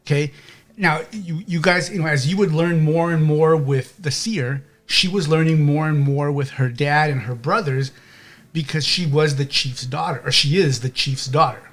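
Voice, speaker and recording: A man's voice: a little high, moderate pace, fairly bright tone. A man narrating a tabletop game as game master, rambling and checking in with "okay?".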